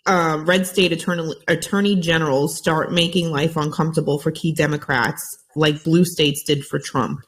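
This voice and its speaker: A woman co-hosts a casual podcast and reads out listener questions in a relaxed, joking way. Her voice sits a little low for a woman. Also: moderate pace, few pauses. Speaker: co-host reading listener questions. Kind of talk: casual chat.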